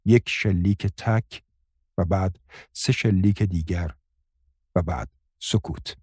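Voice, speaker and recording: A man reading a story aloud in a measured, calm narration. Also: sits low, husky, no room sound, studio quality. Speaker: audiobook narrator. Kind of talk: scripted narration.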